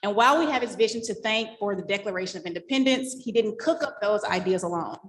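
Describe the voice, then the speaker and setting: An upbeat woman hosts a live panel, moving through a scripted introduction and slipping in light laughing asides. Her voice sits at an ordinary middle pitch for a woman. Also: fast, fairly bright tone. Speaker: event host and moderator.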